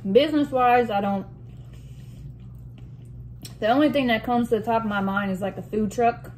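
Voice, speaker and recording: A woman chatting casually as a vlog host while eating soup in a mukbang, reading out questions and pausing to clear her throat. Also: on the high side, darkish tone. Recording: noticeable room noise with dish and cutlery clatter. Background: clinking cutlery and dishes.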